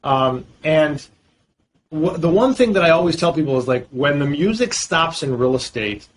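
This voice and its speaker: In this podcast interview, the guest is a man from Boston who works as a real estate lawyer. His fairly high voice is expressive and moves at a normal speed, though the recording is low quality with slight noise behind him. He explains at length, fluently, leaning often on fillers.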